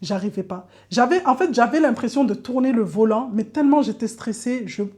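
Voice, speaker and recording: A woman's voice: fairly high pitch, expressive, fairly quick, a little mellow. A woman telling a candid personal story to camera, often repeating words for emphasis. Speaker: vlogger.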